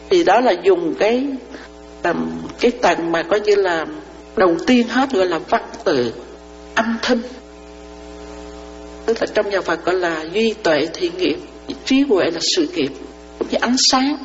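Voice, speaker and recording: Speaking to lay followers in a reverberant hall, a Buddhist nun teaches the dharma through parables, frequently checking whether listeners follow. She has a lowish voice with lively intonation, a measured pace and long pauses; the recording is dull and lo-fi with a faint mains hum.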